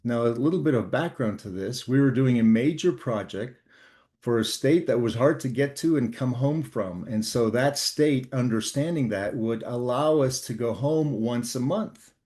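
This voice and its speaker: An older man from Canada, a guest author on leadership, telling a work story in an earnest, measured way with frequent pauses and fillers. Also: mid-range voice, warm tone. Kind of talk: storytelling interview talk.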